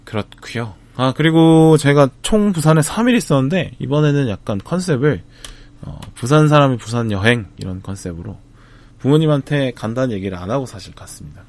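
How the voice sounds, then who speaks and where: A man, talking to camera about a film festival trip in a reflective, casual way, with frequent pauses, fillers and restarts. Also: medium pitch, a little mellow. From Busan, South Korea. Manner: thoughtful, hesitant, many fillers and restarts.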